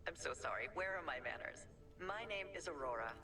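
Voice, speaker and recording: Calm menacing evil AI. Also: female voice, sits low, brisk, slight background noise. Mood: welcoming. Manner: calm, smooth, quietly menacing. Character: calm menacing female facility AI. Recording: distant voice over game music.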